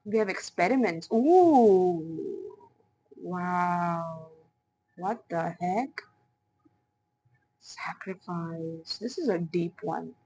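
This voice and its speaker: A woman's voice: lowish voice, slow, slight background noise, rough recording. Chatty woman giving a tarot reading. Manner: chatty, playful, with frequent fillers and soft laughs; addresses viewers as piles. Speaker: tarot reader. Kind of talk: pick-a-card tarot reading.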